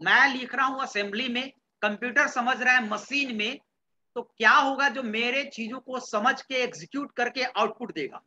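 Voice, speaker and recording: Male teacher, bright voice. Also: extremely high pitch, moderate pace, slight background noise. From Bihar, India. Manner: quizzes students and repeats their answers; mixes English terms into Hindi. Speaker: computer science teacher. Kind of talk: classroom lecture.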